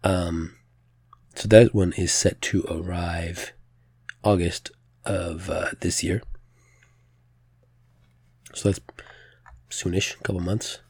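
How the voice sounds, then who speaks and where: A male podcast host talks informally through news on his own in a deep, rough-edged voice. It sounds slightly strained and pressed, and he often hesitates and rephrases as he goes. The sound is dry, with no room around it. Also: fairly even intonation, slow pace, pauses often, darkish tone, no room sound. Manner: hesitant, self-correcting, informal. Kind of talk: casual solo news commentary.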